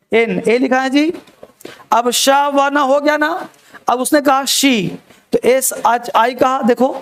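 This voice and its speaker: A man teaching a spelling lesson to a class, repeating key words and quizzing his students. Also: extremely high pitch. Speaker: English teacher.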